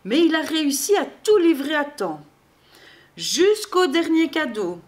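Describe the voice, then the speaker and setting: A woman reading a children's Christmas storybook aloud in an expressive, measured way. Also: high voice.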